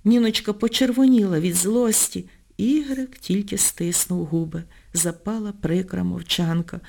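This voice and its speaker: A woman narrating an audiobook in a measured, expressive storytelling manner. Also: mid-range voice, vocal fry. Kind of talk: audiobook reading.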